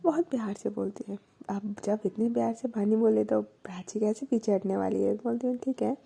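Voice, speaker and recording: Woman storyteller, casual chatty narration, dark mellow voice, slightly husky. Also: mid-range voice, fairly even intonation, moderate pace. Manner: conversational, with fillers and self-corrections.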